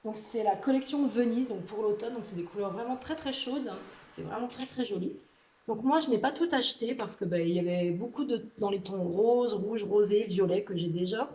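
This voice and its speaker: A woman's voice: medium pitch, normal speed, dark tone, echoey room, a little hiss or hum, poor audio. A woman vlogging casually about a nail polish haul, chatty and gushing, with lots of filler words. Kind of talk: casual product haul video. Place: indoor room with a lamp.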